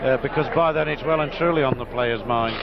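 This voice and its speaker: A man giving live darts commentary in a measured, dramatic way with repeated phrases. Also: medium pitch, vocal fry. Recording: muffled broadcast with loud crowd noise. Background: loud darts crowd.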